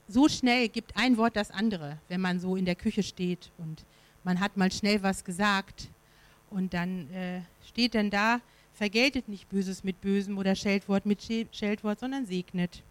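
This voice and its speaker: A woman's voice: medium pitch, unhurried, rough recording. A woman preaching to her congregation in a conversational way, with fillers and rhetorical questions. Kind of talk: sermon.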